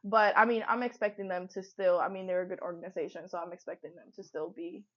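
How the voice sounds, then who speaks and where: On a casual podcast, a twenty-something co-host from Finland who also plays football talks freely, sounding upbeat and reflective. Her voice is on the low side with fairly even intonation and a quick pace, and the audio sounds dull.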